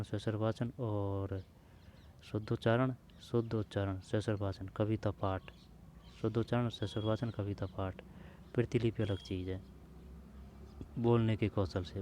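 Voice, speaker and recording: A man with a low, mellow voice goes through old test papers question by question. He reads out each option, then repeats the choices over and over as he works toward the answer. He talks to the listener in a casual, friendly way. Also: a little hiss or hum. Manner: informal, addresses listener as यार and भाई, repeats options while checking answers. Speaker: exam prep teacher. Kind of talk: solving old exam questions aloud.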